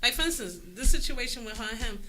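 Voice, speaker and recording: A woman's voice: on the high side, lively intonation, fast talker, pushed and bright, slight background noise. A woman on a panel, speaking candidly and telling stories in a casual chat.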